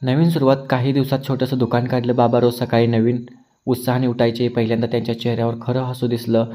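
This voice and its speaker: A man narrating an emotional first-person story in an earnest, measured way, speaking to his listeners as friends. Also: medium pitch, monotone, mellow.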